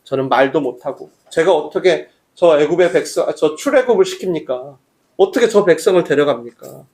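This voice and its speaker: A man's voice: fairly high pitch, lively intonation, fairly quick, a little mellow. A man preaching, voicing an old, humbled man who doubts himself and pleads in a self-deprecating way. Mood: pleading.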